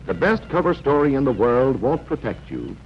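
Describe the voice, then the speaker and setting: A man narrates a wartime-era training film with very animated pitch. He coaches and instructs as he goes. The old soundtrack is dull and clearly noisy. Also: moderate pace. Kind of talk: 1940s instructional film narration, addressing the agent directly. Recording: noisy, band-limited 1940s film soundtrack.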